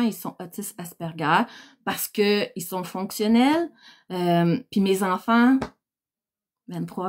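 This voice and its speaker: A woman in her forties with a Quebec French accent, scolding bluntly and swearing in a heated livestream rant. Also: mid-range voice. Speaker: livestream host.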